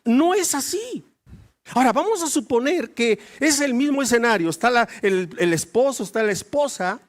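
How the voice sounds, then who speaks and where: A man's voice: very high-pitched, animated, moderate pace. A male pastor preaching a sermon, acting out little dialogues with shifting voices.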